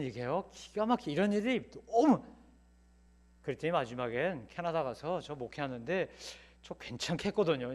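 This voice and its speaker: Middle-aged pastor guy preaching in church, kinda high voice, loud then quiet, tells stories. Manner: animated storytelling, swings from loud pleading to hushed asides. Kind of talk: sermon. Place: church sanctuary.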